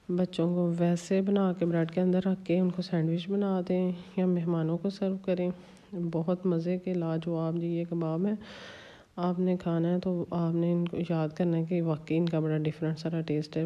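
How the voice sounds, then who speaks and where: A woman with a Pakistani Urdu accent narrates a home cooking recipe, explaining each step in a chatty, homely manner. Her voice sits low and mellow with little rise and fall. The voice-over sounds a little dull and lo-fi. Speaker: cooking channel host.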